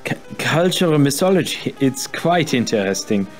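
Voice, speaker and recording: Game role: male actor as earnest, nervy junior academic, halting delivery, very varied pitch. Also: very animated, lightly acted. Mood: eager, nervous. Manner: hesitant, earnest, stammering. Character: eager, nervous, bookish junior professor from Vienna. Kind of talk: video game character acting.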